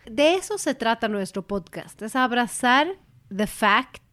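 Mujer mexicana de voz aguda, charla casual. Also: female voice, a little high, lively intonation, a little slow, a bit bright. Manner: slangy, laughing, acts out quotes. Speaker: podcast co-host. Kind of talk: casual chat.

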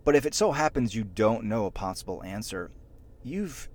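Deep male news-presenter type, casual coaching tone, lively delivery with frequent restarts. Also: normal speed. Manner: energetic, many restarts, punches the last word. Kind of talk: casual instructional talk.

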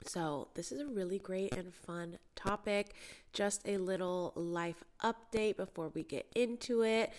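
A woman hosting a solo podcast in a casual, chatty way, with a stuffy, congested nose from a cold. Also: fairly low pitch. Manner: chatty, informal. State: has a cold. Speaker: podcast host and mindset coach.

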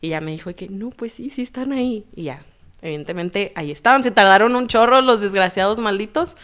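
A woman with a Mexican accent, a podcast guest telling her own story in a lively way and acting out the dialogue. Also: medium pitch, fairly quick. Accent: Mexican Spanish. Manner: animated, acts out quoted dialogue.

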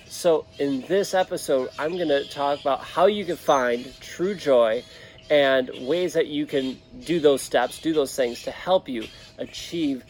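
A man's voice: on the high side, a little mellow. A man hosting a motivational podcast in a casual, earnest, encouraging way, speaking outside in an open backyard. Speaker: host of a podcast and vlog show. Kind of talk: casual motivational talk to listeners. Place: outdoors in a backyard, open air. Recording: outdoor ambience with clear background noise. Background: birds, occasional traffic, some wind.

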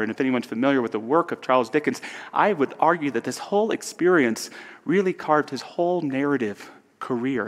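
A man giving a reflective spiritual talk in a soft, earnest way that sometimes drops to a whisper. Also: medium pitch. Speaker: speaker. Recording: long hall reverb.

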